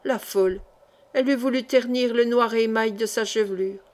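A woman narrating a historical novel as an audiobook, in a measured, expressive reading. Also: a little high.

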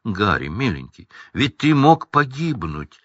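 A man's voice: medium pitch, big pitch swings, a little slow, fairly bright tone, dry recording, dull audio. A man voicing a fussing, anxious middle-aged wizard mother. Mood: doting.

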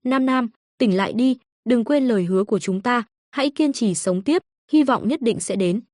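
A woman voicing a caring young woman who coaxes a sick child gently. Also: fairly high pitch, normal speed, no room sound, studio quality, lightly acted. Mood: coaxing. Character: kind young woman, caring older-sister type.

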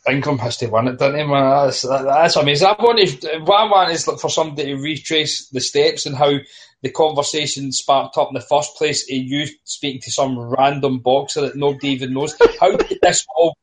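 A man in a casual group chat, talking excitedly and swearing freely. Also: a little high, brisk, low-quality recording. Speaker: podcast panelist.

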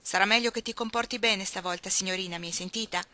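An anxious, doting older mother frets over her loved ones, as a woman reading an audiobook puts her on. The voice is bright and eager. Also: medium pitch, fast, close to an everyday voice. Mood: scolding. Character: nervous loving older mother.

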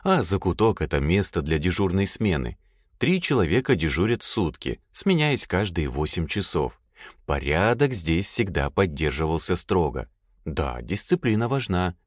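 A man voicing a calm, matter-of-fact man explaining how things work. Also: sits low, moderate pace, no echo, studio quality.

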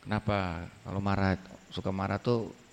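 A man giving a colloquial, emphatic religious talk, his pitch swinging up sharply for emphasis. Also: level tone, moderate pace, vocal fry, slight background noise. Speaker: preacher. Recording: long hall reverb.

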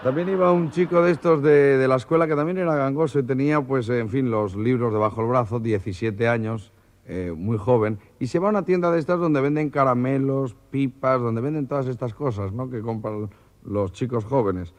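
A Spanish-accented comedian tells jokes in a mid-pitched male voice, captured on an old cassette tape. He slips into nasal, stumbling comic voices for the characters in his jokes. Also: brisk. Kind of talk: stand-up joke telling.

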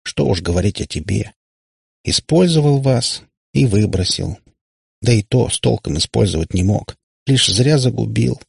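A man voicing an elderly witch great-grandmother who speaks slowly and disapprovingly. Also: lowish voice, animated, creaky, husky, no room sound, clean studio sound, heavily acted. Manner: slow, disapproving. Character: old witch great-grandmother, stern and grudging.

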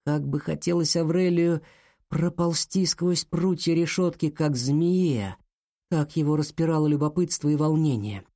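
Guy narrating a kids audiobook, slightly high voice, steady pace, dry sound. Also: dry recording. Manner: measured, storytelling delivery.

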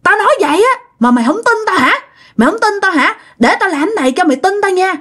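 A woman's voice: sits high, very animated, normal speed, slightly rough, heavily acted. Woman playing a menacing ghost woman. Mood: angry taunting. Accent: Southern Vietnamese. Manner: demanding, repeats herself, taunting.

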